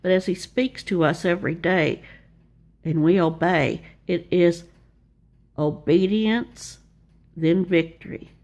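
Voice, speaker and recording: Earnest older woman, gravelly. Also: on the low side, slow pace, long pauses, darkish tone. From Arkansas, US. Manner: earnest, homespun storytelling with repeated refrains. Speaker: Bible teacher. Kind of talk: devotional sermon.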